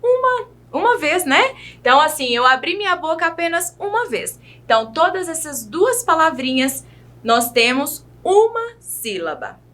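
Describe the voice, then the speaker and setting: A Brazilian woman teaching a children's video lesson, spelling out words slowly and patiently, asking her young learners questions as she goes. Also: high voice, sing-song, a bit bright. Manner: slow, exaggerated enunciation of words.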